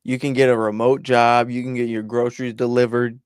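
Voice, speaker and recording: Young man with a smooth, dry voice. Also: medium pitch, little pitch movement, brisk, no echo. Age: young adult. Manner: laid-back, laughs often, casual swearing. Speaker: podcast co-host. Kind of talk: casual profane chat.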